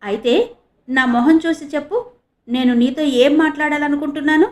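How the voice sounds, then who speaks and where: Playful teasing young woman for an audio novel, higher voice, as the narrator puts her on. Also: normal speed, reverberant, lightly acted.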